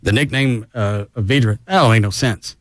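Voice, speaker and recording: A man's voice: lowish voice, normal speed, no echo. A man hosting a radio show in casual banter, with a wry, teasing manner.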